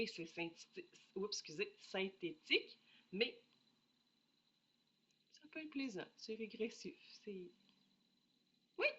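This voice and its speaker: This lo-fi clip features a woman with a Québécois French accent and a head cold, casually reviewing perfume samples alone. Her mid-range voice is bright, slightly rough and forceful in tone, and she thinks aloud while apologizing often.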